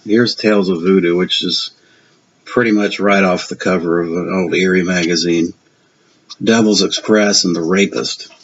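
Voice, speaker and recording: A man's voice: low-pitched, steady tone, moderate pace. Older Southern man, chatty collector. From Virginia, USA. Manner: chatty, rambling, self-deprecating. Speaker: collector showing his film pickups. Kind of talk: casual show-and-tell vlog. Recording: dull lo-fi sound with faint hiss.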